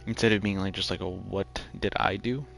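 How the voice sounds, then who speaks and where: Deep gravelly young man musing. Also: steady tone, brisk, fairly bright tone, faint music behind. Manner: musing, restarts sentences often. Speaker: gamer comparing game and show. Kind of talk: casual playthrough commentary.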